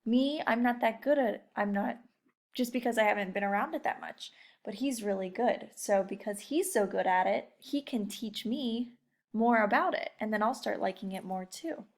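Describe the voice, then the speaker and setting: At a moderate pace and in a mid-range voice, a young woman teacher runs a read-aloud lesson. She keeps things casual and supportive for the children, regularly turning questions back to her listeners.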